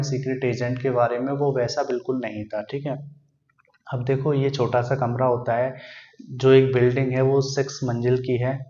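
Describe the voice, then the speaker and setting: Male teacher, explanatory lesson, flat delivery, roomy dull recording. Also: mid-range voice. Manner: explains line by line, asking the class questions and answering them. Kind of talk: Hindi explanation of an English textbook chapter.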